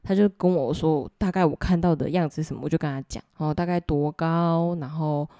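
Young woman, Taiwanese Mandarin accent, podcast storyteller, low and mellow voice, dry close sound. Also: a little fast, dry recording. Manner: chatty, addresses listeners directly. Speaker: podcast host. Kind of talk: casual ghost-story telling.

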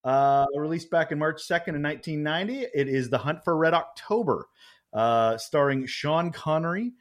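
Lively, jokey male podcast co-host. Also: a little high, normal speed. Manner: lively, jokey, rambling with restarts. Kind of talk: casual chat. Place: Vancouver Island.

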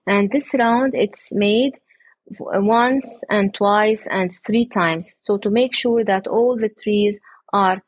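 A woman speaks with a slightly husky, breathy voice. She explains earnestly and step by step, pausing often with small hesitations. The sound is dry and close, with no room echo. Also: mid-range voice. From Palestine. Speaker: interviewee, date palm grower. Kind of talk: explanatory conversation.

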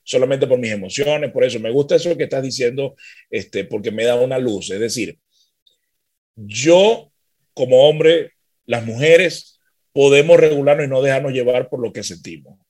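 A man's voice: mid-range voice, normal speed, a little mellow. A man co-hosting a faith-based talk show, speaking earnestly and reflectively, often repeating phrases for emphasis. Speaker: co-host.

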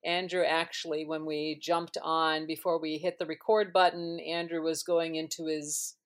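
Chatty low-voiced woman podcast host. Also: level tone, moderate pace. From Minnesota, US. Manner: chatty and rambling, laughs easily. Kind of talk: casual chat.

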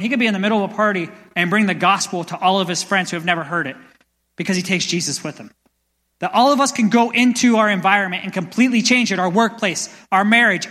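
A young man preaching a sermon as pastor, energetic and building to loud passionate peaks, in a church sanctuary. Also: high voice. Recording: long church hall reverb.

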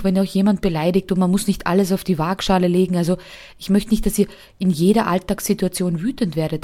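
A woman's voice: mid-range voice, darkish tone. A woman hosting a podcast about anger, talking directly to her listeners in a coaching way and putting questions to them.

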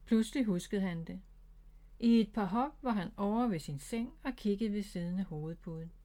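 A woman narrating a children's storybook in a calm, steady way. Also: medium pitch.

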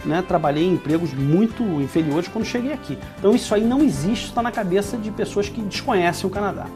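A man's voice: sits high, fast, over music. A Brazilian man with a Brazilian Portuguese accent, co-hosting a casual podcast and talking earnestly and encouragingly, with many restarts and fillers. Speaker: podcast co-host, business owner.

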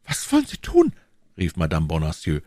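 A woman's voice: extremely low pitch, huge pitch swings, moderate pace, a little mellow, dry recording, studio quality, heavily acted. A man voicing an anxious, earnest young woman who speaks with trembling urgency. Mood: urgent, anxious.

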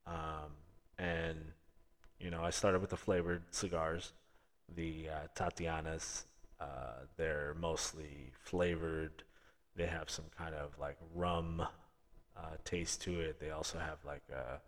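A man's voice: rumbling low, level tone, slow pace. A young man hosting a podcast, telling a story casually with many fillers and chuckles. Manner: laid-back, chuckling, filler-heavy. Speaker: podcast host.

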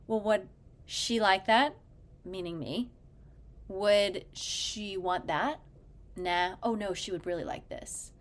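A middle-aged woman hosting a podcast, telling a personal story in an earnest, emotional way with many fillers and restarts. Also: mid-range voice. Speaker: podcast host.

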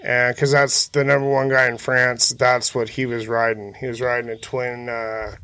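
A man's voice: medium pitch, flat delivery, moderate pace, sharp tone, clear, resonant tone, no echo. A man, chatting in a laid-back, slangy, hesitant way as an interview guest. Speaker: interview guest, motorcycle hill climb rider. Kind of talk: casual chat, telling racing stories. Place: outdoors in a backyard.

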